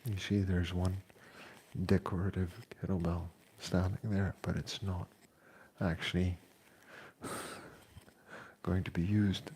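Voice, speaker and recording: A man in his forties, a fitness vlogger talking in a casual, unhurried way from his kitchen, pausing often with fillers. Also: deep voice, flat delivery, darkish tone, slight background noise. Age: 40s. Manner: unhurried, reflective, pauses with fillers. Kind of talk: casual chat. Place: home kitchen.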